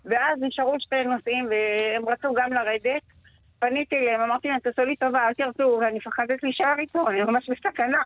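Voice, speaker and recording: A woman in her sixties giving a shaken, rushed first-person account on the radio, replaying what was said to her. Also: on the high side, steady tone, a bit bright, no room sound, dull audio. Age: 60s. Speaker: interviewee.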